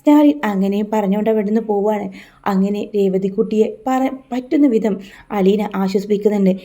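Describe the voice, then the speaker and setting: A woman narrating a serial's story in an unhurried, conversational retelling. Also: mid-range voice, dark tone.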